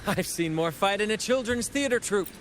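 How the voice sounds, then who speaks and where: A playful young male adventurer of the high seas for a video game. His voice is on the high side and swings expressively, with theatrical self-assurance. Music is loud behind him. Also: animated, moderate pace. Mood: mocking, theatrical. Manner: theatrical, teasing.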